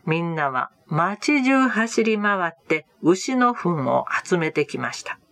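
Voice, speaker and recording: A woman reads a folk tale aloud at a slow, careful pace. Her pitch moves a great deal, lending the story color, and the recording is close and dry. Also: very animated, no room sound.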